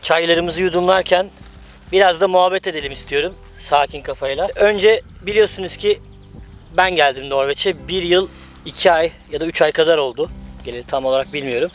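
Guy hosting a vlog outside, pretty high voice, jokey casual chat. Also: brisk. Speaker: vlog host and interviewer. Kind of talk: casual chat and outdoor commentary. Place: outdoors.

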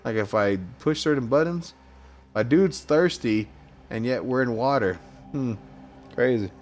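An American gamer records casual gameplay commentary, thinking aloud in short, slangy remarks. His mid-range voice is a little mellow and a little slow, with slight background noise.

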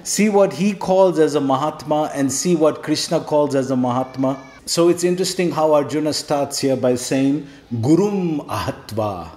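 A man delivers a devotional scripture lecture in a slightly higher voice, recorded in an echoey room. He explains patiently and keeps asking rhetorical questions, dropping a questioning "hmm?" to check that listeners follow. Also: moderate pace, hardly any pauses, a little mellow. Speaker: scripture teacher.

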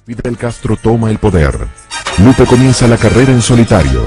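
A man giving measured, scripted documentary narration. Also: mid-range voice, animated, music in the background.

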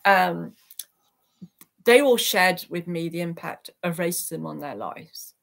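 Slow and expressive, her lowish voice carries vocal fry and a fairly bright tone. The woman, a peace activist appearing as an interview guest, reflects earnestly and from the heart on a video call. She sits in a small attic room at home, recorded through a computer microphone.

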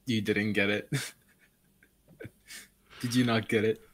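A man's voice: fairly low pitch, little pitch movement, takes it slowly, fairly bright tone. A young man from Palestine chatting on a video call, friendly and curious. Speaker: video chat stranger. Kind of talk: casual chat.

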